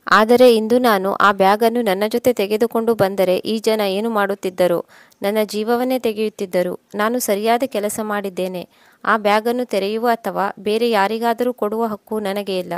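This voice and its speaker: A woman telling a scripted first-person story in a calm, reflective, even manner. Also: medium pitch, normal speed, no room sound.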